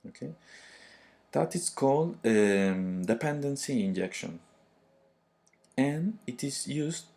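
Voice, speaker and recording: Slow, halting man with thick foreign accent. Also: medium pitch, lively intonation, darkish tone. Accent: thick foreign, non-native English. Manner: halting, hesitant, searching for words. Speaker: programming tutorial presenter. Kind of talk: unscripted screencast tutorial.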